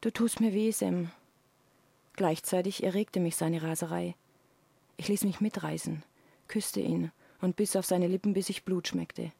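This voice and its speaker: A woman, the author, reading aloud a passage from her own erotic novel in a close, hushed reading voice. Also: lowish voice, steady tone, moderate pace, creaky, breathy edge, no room sound.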